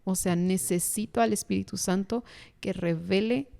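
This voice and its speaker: Young woman from Mexico, podcast guest, smooth clear voice, earnest animated storytelling. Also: mid-range voice, moderate pace. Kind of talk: casual testimony.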